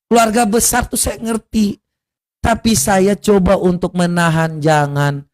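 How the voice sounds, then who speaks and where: High-voiced man, scolding. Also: steady tone, measured pace. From Kupang, East Nusa Tenggara, Indonesia. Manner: scolding and taunting, with rhetorical questions and mocking laughs. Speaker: online religious commentator. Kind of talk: confrontational social media rant.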